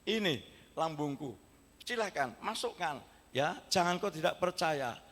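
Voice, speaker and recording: A pastor voicing a calm, firm Jesus. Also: male voice, a little high, measured pace. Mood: commanding. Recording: echoey church hall.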